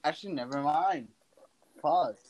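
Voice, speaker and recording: A man's voice: fairly high pitch, measured pace, darkish tone. A teenage man co-hosting a casual chat podcast, slangy and laid-back, swearing often. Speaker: podcast co-host.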